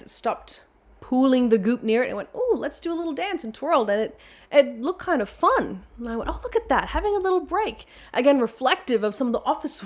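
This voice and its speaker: A woman talking through a reflective video essay, musing aloud and acting out her own thoughts. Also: mid-range voice.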